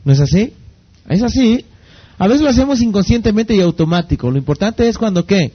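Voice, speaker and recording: A man giving a leadership lecture to an audience. He keeps checking in with quick rhetorical questions. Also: high-pitched, very animated, breathy edge, highs cut off. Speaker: leadership speaker.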